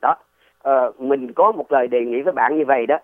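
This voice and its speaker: A man's voice: mid-range voice, brisk, dry recording. A man, a guest explaining history in a casual, digressive way and often asking rhetorical questions. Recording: tinny dry phone line.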